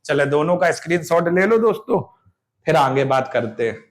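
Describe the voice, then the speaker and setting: A man teaching a Hindi grammar lesson for exam prep. He demonstrates vowel sounds, repeats the key terms, and keeps asking "clear?" before answering his own questions. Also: fairly high pitch, lively intonation, normal speed, reverberant. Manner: asks questions and answers them himself, checking "clear?".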